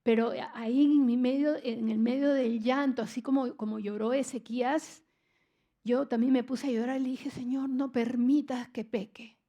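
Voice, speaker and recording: Older lady preaching in church, high voice, earnest and emotional, stops and restarts a lot. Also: fairly even intonation, moderate pace, dark tone. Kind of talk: sermon with personal testimony.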